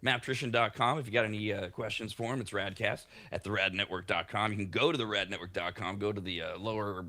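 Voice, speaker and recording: A man hosting a morning radio show, telling stories in casual banter with an animated style and many restarts. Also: fairly low pitch, quick pace. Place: radio studio.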